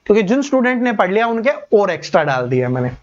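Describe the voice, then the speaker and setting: A man's voice: high voice, sing-song, racing. A man in his thirties, speaking with a tinge, teaching an exam-prep lesson step by step and asking students questions. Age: 30s. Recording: dull lo-fi recording.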